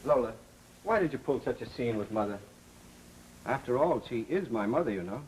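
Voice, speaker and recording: Actor as a defensive young husband, swooping intonation. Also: male voice, medium pitch, animated, moderate pace, a little mellow, close to an everyday voice. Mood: defensive, exasperated. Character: weak, defensive young husband dependent on his mother. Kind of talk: vintage film drama acting. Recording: noisy old film soundtrack.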